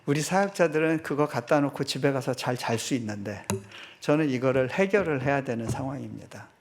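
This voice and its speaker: A middle-aged man preaching in a church, his voice gravelly and low-edged with fry. He tells a personal story with animated delivery, voicing his own prayers aloud. His pitch sits in an ordinary middle range. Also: fairly quick. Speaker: missionary preacher. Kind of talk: storytelling sermon. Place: church sanctuary.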